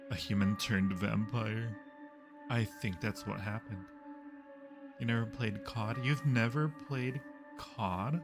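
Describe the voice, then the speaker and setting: A man with a fairly low voice and some vocal fry hosts a casual game livestream, chatting playfully and directly with his viewers while music plays in the background.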